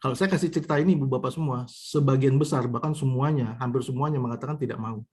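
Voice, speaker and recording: A man's voice: medium pitch, quick pace, dark tone, husky. A man giving a conversational motivational business talk, telling stories and addressing the audience directly, with a lot of repetition. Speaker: business trainer.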